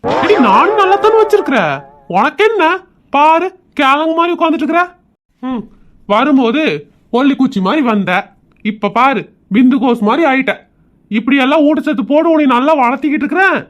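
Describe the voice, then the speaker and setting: A man's voice: very high voice, fairly quick, a bit bright. A man performing a teasing, mocking husband in a comedy sketch. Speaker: comic sketch actor playing a husband. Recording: dull lo-fi audio.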